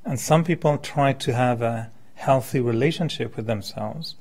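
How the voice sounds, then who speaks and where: A meditation teacher in his 50s gives a talk in a gravelly, slightly mellow voice of medium pitch and normal speed. Born in France and settled in Quebec, with French as his first language, he addresses a live group informally on spiritual matters. He stays conversational, illustrating with hypotheticals and questions.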